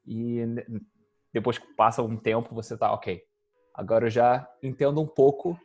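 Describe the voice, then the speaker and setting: The guest in this laid-back interview is a UX designer in his 30s from Rio de Janeiro, Brazil, who thinks out loud with plenty of fillers. He speaks at a medium pitch and normal pace, and the sound is lo-fi.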